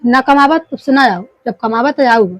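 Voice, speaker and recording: A woman's voice: high-pitched, normal speed, natural voice. A woman playing a fed-up village wife in a family skit, scolding and complaining in rustic speech with an eastern Hindi belt, Bhojpuri-Awadhi accent. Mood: defiant. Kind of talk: amateur family skit dialogue.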